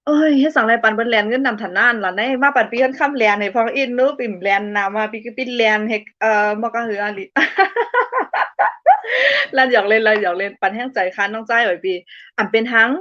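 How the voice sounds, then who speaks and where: A woman's voice: a little high, fast, fairly bright tone, no room sound, muffled recording. A young woman hosting a casual live stream, reading out viewer comments in a playful, giggly way. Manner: giggly and playful, laughs often between remarks.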